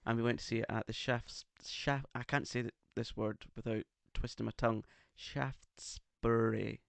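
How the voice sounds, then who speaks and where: English male podcast co-host, camp and teasing, gravelly edge, dry close-miked sound. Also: mid-range voice, fairly even intonation, brisk, a bit bright, no echo. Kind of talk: casual chat. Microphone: studio microphone.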